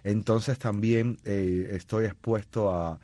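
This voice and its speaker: This is a man on the low side, slow and steady with a dark tone, recorded dry as a musician guest in a conversational interview. Answering questions about his music and school performances, he rambles through long anecdotes with frequent restarts and fillers; Spanish isn't his native language.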